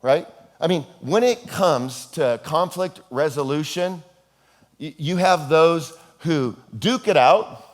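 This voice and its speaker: This is a man delivering a sermon from the pulpit, his voice sitting somewhat above the usual male range. He is a playful, joking storyteller, and he keeps things animated, moving between quiet asides and loud, energetic bursts. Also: on the high side, slow. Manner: playful storyteller, jokes and horses around; animated and expressive, swinging between hushed and loud. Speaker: pastor.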